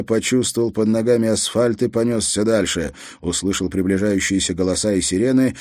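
A man reading a crime thriller audiobook as narrator, in a steady, even delivery. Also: lowish voice, dry recording, studio quality. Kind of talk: scripted narration.

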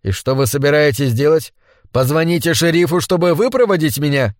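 Brief: man voicing a persistent, hard-nosed young man, slightly high voice, dry close mic. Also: lively intonation, fairly quick, no echo, close to an everyday voice. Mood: demanding. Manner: blunt, persistent questioning. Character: stubborn, insistent young man. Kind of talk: audiobook character voice.

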